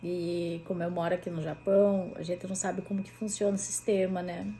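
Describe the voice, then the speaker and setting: A woman, a mother telling a personal story in a chatty, animated vlog, full of tag questions. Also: fairly low pitch, a little fast, slight background noise.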